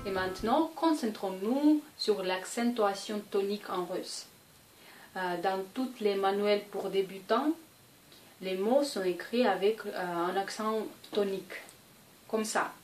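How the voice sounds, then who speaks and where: A woman's voice: medium pitch, recorded from a distance, a little hiss or hum. A woman from Russia with a Russian accent, teaching a language lesson patiently and drawing out example sounds. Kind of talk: explanatory lesson. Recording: echoey room, voice off-mic, faint ambience.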